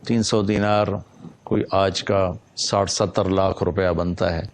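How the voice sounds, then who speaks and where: Low-voiced male preacher telling a story. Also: little pitch movement. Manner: retells a story with reverent, emphatic delivery. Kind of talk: sermon storytelling.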